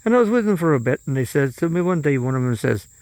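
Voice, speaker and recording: A man's voice: fairly high pitch, big pitch swings, fast, darkish tone, no echo. A man delivering a rambling, profane political monologue, often trailing off and restarting.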